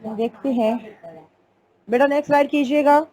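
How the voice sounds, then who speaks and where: High-voiced woman teaching grammar. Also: fairly even intonation, moderate pace, a little mellow. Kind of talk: online class lecture.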